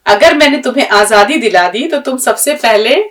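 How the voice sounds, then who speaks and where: A woman's voice: fairly high pitch, lively intonation, normal speed, a bit bright, distant mic. A woman reading a clever, wary mouse.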